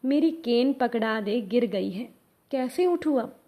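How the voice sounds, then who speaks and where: A woman's voice: fairly high pitch, lively intonation, a little slow, dark tone. A woman voicing a stubborn, demanding old mother-in-law in a spoken devotional story. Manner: demanding, sulky.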